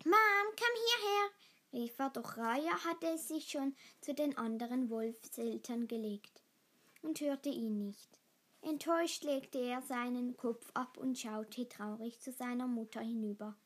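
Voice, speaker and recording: A woman reading a children's story aloud, halting now and then with small slips. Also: on the high side. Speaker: reader.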